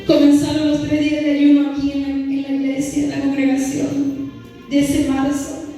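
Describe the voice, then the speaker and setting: A woman's voice: sits high, completely flat delivery, normal speed, dark tone. A woman giving a fervent testimony to a church congregation, often calling them beloved brothers and sliding into a sung cadence. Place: church hall. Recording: far-off mic in an echoey hall with music.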